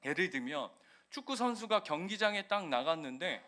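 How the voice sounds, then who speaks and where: A male pastor preaches a sermon in a church with a high, bright voice. He talks in an animated way and acts out the scenes he describes. The tone stays forceful and clear throughout. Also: moderate pace.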